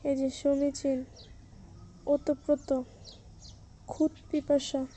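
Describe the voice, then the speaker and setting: A woman's voice: high voice, flat delivery, slow, warm tone, a little hiss or hum. A woman tutoring for an exam, asking questions and answering them herself, and having listeners repeat after her. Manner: drilling, asks and answers her own questions. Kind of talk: exam-prep lesson.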